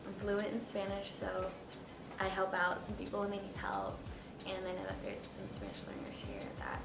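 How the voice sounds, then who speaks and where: A woman's voice: medium pitch, lively intonation, normal speed, creaky, echoey room, over loud music. A young woman from El Salvador, a student speaking earnestly in a documentary interview. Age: young adult.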